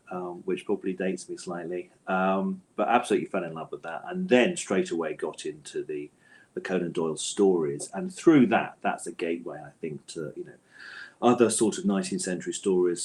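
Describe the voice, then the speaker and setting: A deep, darkish male voice belongs to a middle-aged author and audio drama scriptwriter being interviewed, who answers in a thoughtful, hesitant manner and often rephrases. There is slight background noise.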